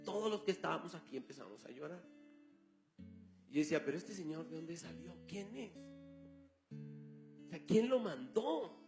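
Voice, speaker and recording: A man's voice: on the high side, animated, moderate pace, pauses often, darkish tone, faint music behind. A male pastor preaching a sermon, telling a story and acting out the dialogue. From Colombia.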